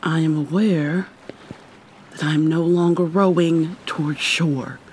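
Slow and steady, her low, darkish voice carries a faint hiss or hum in the background. She's voicing a haughty, irritable vampire mermaid for ASMR, formal and sardonic with exasperated sighs, though the character quietly cares.

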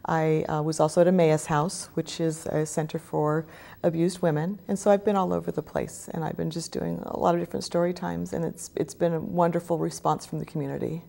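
A woman storyteller, earnest and warm, talking on a local TV show about reading to kids. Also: sits low, flat delivery, a little fast, creaky. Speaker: storyteller guest. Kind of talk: interview then storybook narration. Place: local TV studio.

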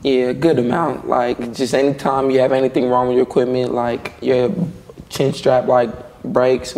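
A young football player speaks casually about his team. His voice has a gravelly edge. A faint hiss sits under the recording. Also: medium pitch. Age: young adult. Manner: relaxed, casual. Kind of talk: interview.

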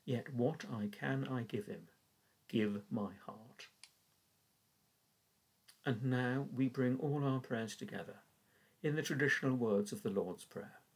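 Older English church warden, husky, measured devotional reading, webcam in small room. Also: male voice, medium pitch, rough recording. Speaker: church warden leading prayers. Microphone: webcam at desk.

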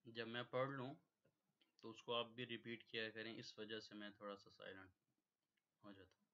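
A man's voice: fairly low pitch, level tone, pushed and bright. A man from Pakistan teaching Quran recitation rules, explaining patiently step by step and dropping in English words. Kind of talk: tajweed lesson. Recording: dull lo-fi recording.

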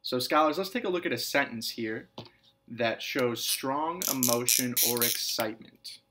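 A mid-range male voice leads a recorded video lesson for kindergarten and first grade. He repeats each point slowly and clearly for the young children, addresses them as scholars, and gives example sentences a lively, sing-song lift. There's a little hiss or hum in the audio.

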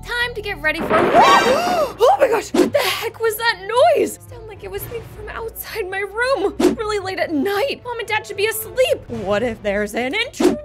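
Nosy, anxious teen sister played by a young woman for game role-play; extremely high, animated, melodramatic, music underneath. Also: moderate pace, few pauses. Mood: alarmed. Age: young adult. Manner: exaggerated, breathless, dramatic. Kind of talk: dramatized Roblox role-play. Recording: background music under close voice.

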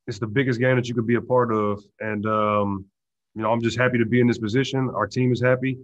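A young man answering press questions in a relaxed way, full of "you know" fillers. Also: mid-range voice, fast talker, dry recording. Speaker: football player answering press. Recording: dull lo-fi video call audio.

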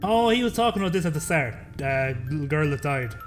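A man's voice: on the high side, animated, fast. A man in his thirties giving casual, sweary, wry commentary while playing a game. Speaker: let's play streamer. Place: dim room at home. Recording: game music behind the voice. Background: horror game music and sounds.

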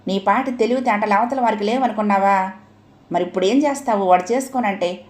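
A woman's voice: mid-range voice, fairly quick, a little mellow, lightly acted. A woman voicing an irritable middle-aged father who scolds his wife sarcastically, in an audio story. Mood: scolding.

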